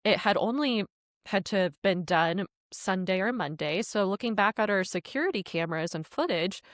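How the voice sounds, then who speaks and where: A woman's voice: medium pitch, normal speed, no room sound, studio quality. A woman co-hosting a podcast, telling a workplace story in casual chat and acting out the people in it. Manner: animated, quotes people with laughs. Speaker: podcast co-host.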